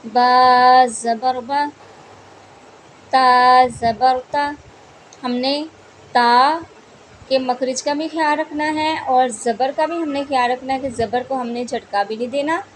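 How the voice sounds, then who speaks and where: A woman teaching Quran reading, patiently drilling each syllable slowly and repeating the rules. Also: high voice, a little hiss or hum. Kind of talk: slow step-by-step recitation lesson.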